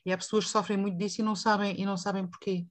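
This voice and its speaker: A woman with a European Portuguese accent, a voice teacher leading a panel discussion and putting questions to the group in an expressive way. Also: medium pitch, racing. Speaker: voice teacher and moderator.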